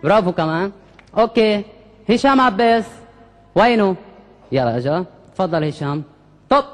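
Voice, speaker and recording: A man's voice: sits high, lively intonation, moderate pace. A man acting as a bossy, exasperated orchestra conductor in a comic sketch, rattling off orders. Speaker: comedian playing an orchestra conductor. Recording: echoey reverb.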